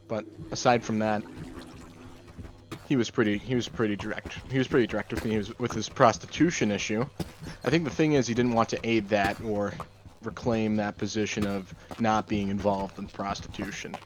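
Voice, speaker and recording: A young man doing gameplay commentary in a deadpan monotone, rambling through offbeat musings. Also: on the low side, slight background noise. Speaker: gaming channel host.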